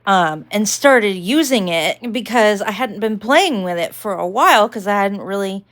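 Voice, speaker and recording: A woman's voice: medium pitch, expressive, unhurried, fairly bright tone. A woman vlogger giving a casual tech demonstration, rambling with lots of fillers.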